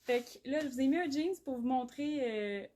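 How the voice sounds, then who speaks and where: Québécoise lady chatting on a live sale, fairly high voice, warm mellow tone, lots of euh's and giggles. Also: moderate pace. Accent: Québécois French. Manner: chatty, laughs often, many fillers. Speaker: clothing brand host. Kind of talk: live shopping stream. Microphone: phone.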